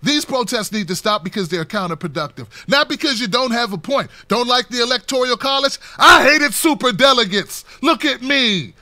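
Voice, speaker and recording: A man giving an unscripted political commentary, talking straight to the camera, impassioned and preachy, building to near-shouts. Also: very high voice, expressive, normal speed, few pauses, no echo.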